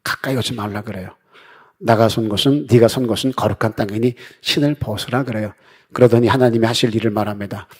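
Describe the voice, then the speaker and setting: A middle-aged man preaching a sermon as pastor, talking to his congregation in a conversational way and dropping his voice low when he quotes others. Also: fairly even intonation, fast, slightly rough.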